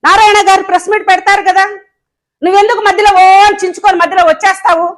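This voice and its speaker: A woman's voice: very high voice, steady tone, fast talker, a bit bright. A woman giving a combative press statement as a local political leader, fiery and sarcastic, scolding with rhetorical questions.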